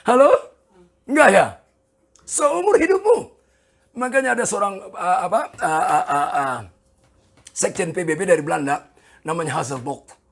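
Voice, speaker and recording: Pastor guy in his 60s preaching, gravelly husky voice, pretty high for a man, goes all over the place with pitch. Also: moderate pace. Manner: animated, jokes with the congregation, voices people in quoted asides. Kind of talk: sermon.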